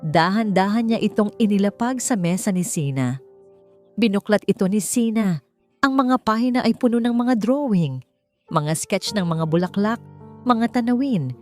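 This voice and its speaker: With background music playing under her voice, a woman with a Filipino accent narrates a scripted, dramatic romance story as a storyteller. Her voice is medium in pitch with a darkish tone.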